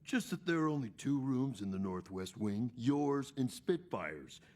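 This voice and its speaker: A man's voice: medium pitch, very animated, unhurried, background noise. An actor voicing a male pony castle guard who is matter-of-fact and accusing. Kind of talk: cartoon voice acting.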